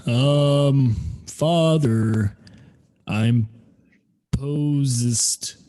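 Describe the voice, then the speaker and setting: A man voicing a simple-minded, awkward tree spirit that speaks in slow, halting bursts in a tabletop game. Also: mid-range voice, dark tone. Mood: slow, puzzled.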